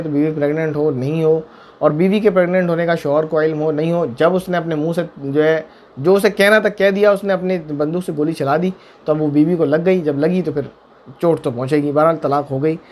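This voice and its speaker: A man serving as mufti talks through viewers' religious questions in quick, rushing speech. His voice sits a little high, and he drives points home with repetition and pointed rhetorical questions. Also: darkish tone. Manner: emphatic, repeats points, asks rhetorical questions. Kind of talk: religious Q&A talk.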